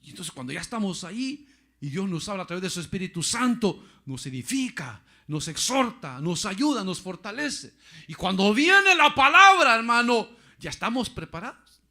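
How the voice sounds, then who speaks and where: A man pastor preaching a sermon, repeating phrases and often calling listeners "brother", going loud for emphasis and dropping quiet for asides. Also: high voice, big pitch swings, normal speed.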